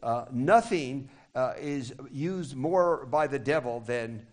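An older man delivers a sermon in short, measured phrases. He stops after each one so an interpreter can follow. His voice sits at an ordinary middle pitch. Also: animated, darkish tone. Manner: speaks in short phrases, pausing for translation. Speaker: preacher.

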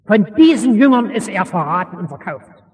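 A man preaching a sermon, retelling a Bible story in a vivid, colloquial way and swinging between loud and hushed. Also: high voice, big pitch swings, moderate pace. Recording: long reverb of a large hall.

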